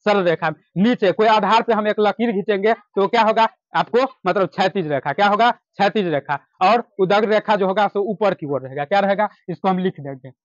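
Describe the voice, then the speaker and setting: A man's voice: sits high, a little fast, hardly any pauses, no echo. A man teaches a lesson, posing a question and answering it himself over and over. The sound is dull and lo-fi, close and dry with no room around it. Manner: asks a question then answers it himself, repeating key terms. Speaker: math teacher. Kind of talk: classroom lecture with call-and-response questions.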